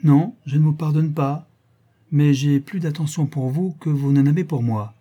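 A man's voice: medium pitch, animated, normal speed, mellow, slightly rough, highs cut off. A man voicing a teasing, flustered noble lady in a storybook reading, coaxing and scolding by turns.

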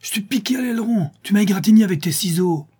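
A man's voice: on the high side, expressive, normal speed, dark tone, husky, voice pushed up. A man doing a brutal thuggish bandit. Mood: menacing. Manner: menacing, slangy threats.

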